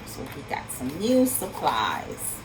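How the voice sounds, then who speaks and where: A female storyteller reads a picture book to children, her lowish voice full of animated intonation. She marvels at the pictures and asks the young listeners questions, speaking slowly. The recording is noisy.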